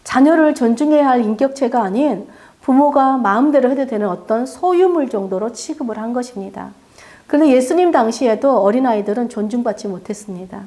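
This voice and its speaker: A woman's voice: fairly high pitch, warm tone. A woman pastor preaching a sermon in a church, asking the congregation questions and acting out quoted voices. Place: church sanctuary.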